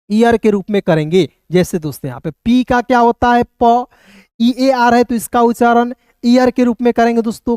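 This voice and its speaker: A man's voice: extremely high pitch, a little mellow, smooth, no echo, clean studio sound. A man teaching an English lesson to viewers in a classroom style, explaining step by step and often asking questions and calling them friends. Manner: frequently addresses listeners as friends.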